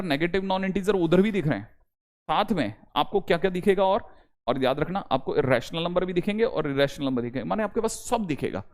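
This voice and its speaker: A young adult male math teacher with a somewhat high-pitched voice, giving an online lecture. He talks emphatically and keeps repeating key points, coaxing his students to note them down.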